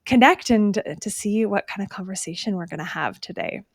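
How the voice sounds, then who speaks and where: A woman hosting a spiritual podcast, speaking in a soft, earnest, measured way. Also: mid-range voice, animated, vocal fry. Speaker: podcast host. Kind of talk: spiritual podcast narration and interview.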